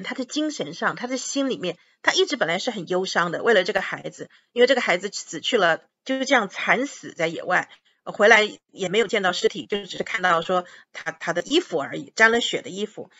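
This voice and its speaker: A woman teaching English through a Bible chapter, reading verses and explaining words, repeating them slowly. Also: medium pitch, sharp tone. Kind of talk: bilingual Bible lesson. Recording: dull lo-fi audio.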